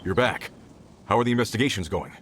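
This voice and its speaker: An actor playing a dutiful search-party leader in a video game, decisive and businesslike. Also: male voice, fairly low pitch, fast talker, fairly bright tone, a little hiss or hum, lightly acted. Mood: concerned. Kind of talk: video game character acting.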